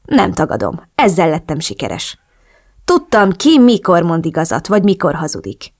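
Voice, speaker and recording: A woman's voice: on the low side, big pitch swings, darkish tone. Cold calculating crime boss guy in an audiobook, cool and blunt, woman reading him, no big voice change. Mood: cool, measured. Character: cold, calculating man, drug cartel boss.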